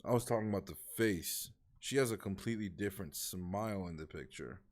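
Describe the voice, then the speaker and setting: Streamer, male, lowish voice, loose and profane, rambling reaction commentary. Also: a little fast, a little mellow. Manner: chatty, swears freely, thinks aloud. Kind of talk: casual live-stream commentary.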